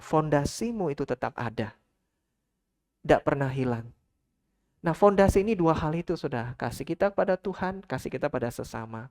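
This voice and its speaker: A woman with a notably low voice delivers a church sermon. She talks directly to her congregation, calling them by name and pausing to ask them questions. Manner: engages the congregation with frequent questions, addressing listeners as "Saudara". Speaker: preacher.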